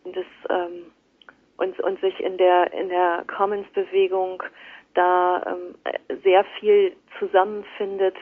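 Woman, radio interview guest, phone-line sound, flat even delivery, hesitant fillers. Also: fairly low pitch, slow pace. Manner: thoughtful, hesitant with many fillers. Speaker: guest, works at a financial institution. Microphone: telephone.

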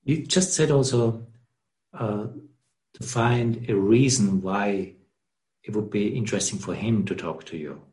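A man asks interview questions, halting often as he searches for the right words. His voice is on the low side. The sound carries noticeable room echo. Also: a little mellow.

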